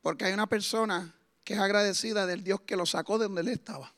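Male preacher with a high, bright voice and a fervent delivery that swings between hushed and loud. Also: steady tone, quick pace. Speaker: guest preacher. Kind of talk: sermon.

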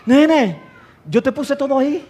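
A woman's voice: sits high, animated, measured pace, dark tone, some chatter behind, pitched above the performer's own voice. A man putting on his teasing wife. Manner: affectionate scolding, calls him "nene". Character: his wife, a practical, teasing middle-aged woman.

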